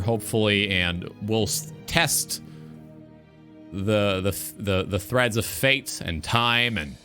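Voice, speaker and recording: With a sharp tone and a medium-pitched voice, this man hosts a talk show on gaming. He offers strong opinions in flowery language, with emphasis and deliberate pacing.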